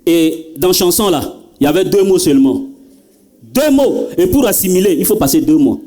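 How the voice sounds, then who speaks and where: A man's voice: sits high, moderate pace. A man doing stand-up comedy, telling stories and talking straight to the audience. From Central African Republic. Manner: animated storytelling, addresses the audience directly.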